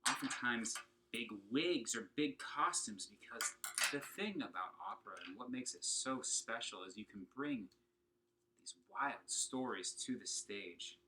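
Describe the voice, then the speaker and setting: Heavy background noise surrounds a man teaching children singing and opera from home. In an unhurried, animated, mid-range voice, he encourages them cheerfully, addressing them directly and posing questions along the way.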